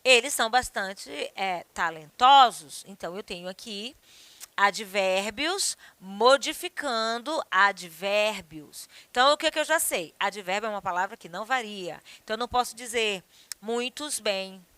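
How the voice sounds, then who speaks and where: A woman teacher giving a lively grammar lesson, often checking in with questions to the class. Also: medium pitch, normal speed, smooth, no echo. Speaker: Portuguese teacher.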